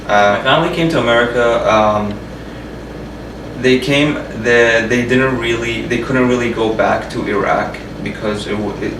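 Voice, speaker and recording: A Jordanian man in his twenties gives a personal interview, speaking hesitantly with many fillers and restarts. His voice is medium in pitch and his pace is moderate. A distant mic makes the sound roomy, and there is background hum.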